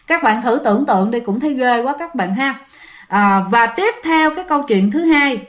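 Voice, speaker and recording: A woman with a high, bright, expressive voice tells ghost stories at a normal speed. Her style is chatty and dramatic, and she often speaks directly to her listeners in this casual storytelling.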